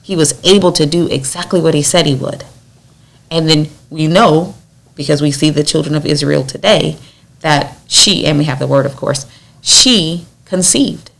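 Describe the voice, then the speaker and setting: A woman's voice: sits low, moderate pace, creaky, a bit bright. A woman leading a Bible study in an earnest, exhorting way, acting out the lines she quotes. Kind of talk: conversational Bible teaching.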